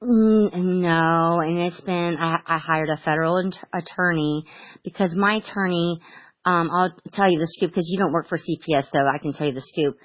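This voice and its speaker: A woman's voice: on the low side, fairly even intonation, normal speed, dry recording, highs cut off. A middle-aged woman talking casually on the phone about her sons, rambling with many restarts and stammers. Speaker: mother on a phone call.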